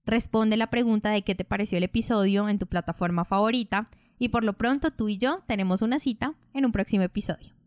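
A woman who hosts a podcast and coaches public speaking, explaining in a calm, measured way. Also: mid-range voice, dry recording. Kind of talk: instructional podcast narration.

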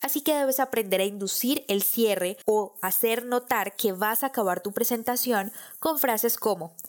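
A woman hosting a podcast, teaching public speaking in a clear, measured, explanatory way. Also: a little high. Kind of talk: scripted podcast lesson.

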